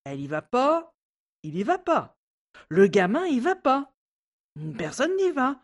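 A grumbling, anxious housemaid in an audio drama. Her voice sits rather low but swings widely in pitch, rising sharply when she frets. She complains with many hesitations. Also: lively intonation, moderate pace, breathy edge, full character voice.

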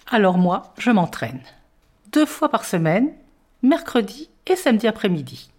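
A woman with a medium-pitched voice reads a children's story aloud, playful and expressive, narrating in the first person as a young boy.

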